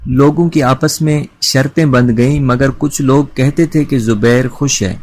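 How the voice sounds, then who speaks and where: A man narrating a literary short story in a measured, dramatic reading. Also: mid-range voice, fairly even intonation, a little mellow.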